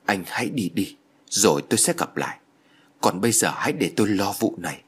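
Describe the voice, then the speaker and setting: A man's voice: fairly low pitch, animated, fairly quick, slightly rough. A man voicing a stern, vengeful young female ghost in a spoken ghost story. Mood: urgent. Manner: stern, urgent.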